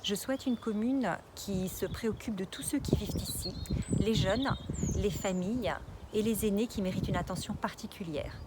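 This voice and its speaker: Steady woman over loud background noise. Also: medium pitch, normal speed. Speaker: municipal list candidate. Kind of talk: scripted self-introduction.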